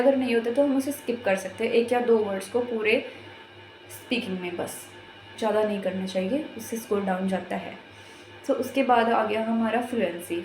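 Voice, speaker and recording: A woman's voice: fairly high pitch, a little mellow, roomy sound, low-quality recording. A woman giving a patient, step-by-step lesson as an exam prep teacher, repeating her points as she explains.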